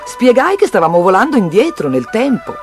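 Very animated children's storyteller over soft music. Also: mid-range voice, a little fast. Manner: very lively, sing-song storytelling.

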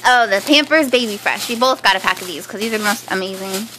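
A woman's voice: mid-range voice, quick pace, noisy background. A woman chatting casually and upbeat in a home haul vlog, giggling often, filmed indoors on a handheld camera. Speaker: vlogger. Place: living room floor, indoors. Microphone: handheld camera filming from above.

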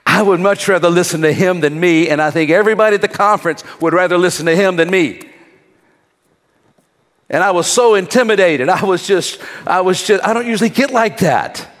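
A man preaching a sermon, asking the crowd rhetorical questions and leaving dramatic pauses. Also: high voice, fairly bright tone, big-room sound. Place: church hall.

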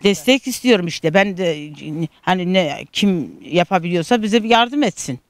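A woman's voice: on the low side, lively intonation, moderate pace, no echo. A middle-aged woman from Turkey telling a news interviewer about her struggles, in an aggrieved, repetitive storytelling manner full of reported speech. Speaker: interviewee, caregiving daughter.

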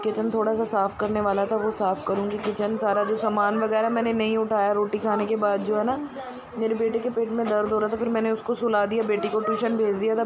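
A woman in her thirties, a housewife and vlogger, has a cold and a hoarse, mid-range voice as she rambles casually through a daily vlog in her home kitchen, using lots of fillers. She films on her phone camera, starting with a selfie and then propping it across the room. The recording is noisy from a pump motor running.

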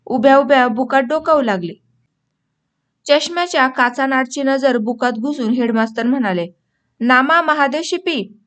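A woman narrating a novel as an audiobook reader, lifting her voice for the characters' lines. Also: high voice. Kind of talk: reading a novel aloud.

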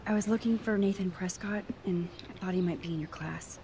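A woman plays a quiet teenage girl in a video game who talks in a soft, hushed, hesitant way. Her voice sits a little low, and clear background noise runs under the game audio. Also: a little fast, natural voice.

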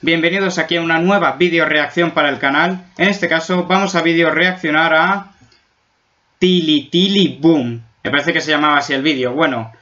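A man's voice: fairly high pitch, a little fast, sharp tone. A man from Spain doing a casual video reaction, joking and exaggerating as he gets spooked, on a dull lo-fi recording. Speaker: YouTube reactor.

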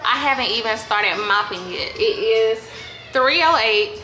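A woman's voice: fairly high pitch, unhurried, bright, forceful tone, faint music behind. A woman in her thirties chatting casually to the camera in a family vlog, talking to viewers as y'all and joking about her chores at home. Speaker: family vlogger. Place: home kitchen, indoors. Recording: echoey room with background noise.

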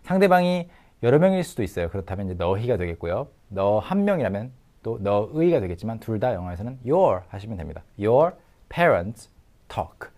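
A middle-aged man giving a recorded language lecture, patiently drilling short phrases slowly and repeating them. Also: fairly low pitch, big pitch swings, mellow. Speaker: English teacher.

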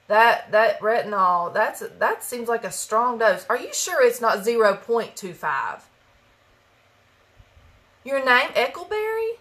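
During a live makeup stream, a woman from West Virginia with an Appalachian country accent talks easily with her viewers and greets them by name, her mid-range voice pushed and bright.

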